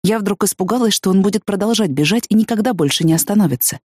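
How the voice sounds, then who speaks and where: A woman's voice: fast, a little mellow, husky, dry recording, studio quality. A woman reading a first-person story aloud as an audiobook, dramatic and intense in its voicing. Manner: dramatic, rising to high anguished cries in quoted speech. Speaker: narrator.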